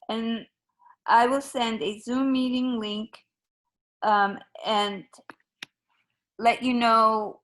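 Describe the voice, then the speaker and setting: A high school Spanish teacher from Ecuador gives a recorded open house presentation about her classes. She speaks slowly, formally and in a measured way, often pausing with an um. Her voice sits a little high and sounds a bit bright.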